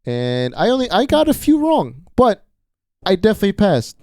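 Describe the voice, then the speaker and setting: A man in his twenties talks casually on a podcast with a smooth, resonant voice. He is relaxed and encouraging, drops casual slang, and laughs along. The sound is dry and close. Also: high-pitched, normal speed, no room sound. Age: 20s. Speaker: podcast co-host. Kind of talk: casual chat.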